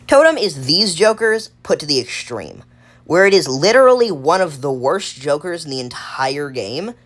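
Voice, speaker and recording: This gaming video creator speaks in a low-pitched, very animated voice at a moderate pace. Commenting casually on a card game tier list, she rambles and reasons aloud, full of fillers and restarts.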